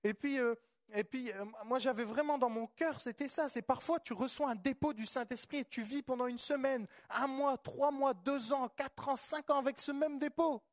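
A man's voice: extremely high pitch, moderate pace, no echo, clean studio sound. A man preaching a charismatic church sermon, fervent and repetitive, putting rhetorical questions to the congregation.

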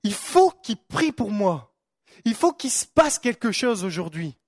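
A man's voice: high-pitched, big pitch swings, unhurried, dry recording, clean studio sound. A young man preaching a sermon, fervent, repeating phrases for emphasis and stumbling on words. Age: young adult.

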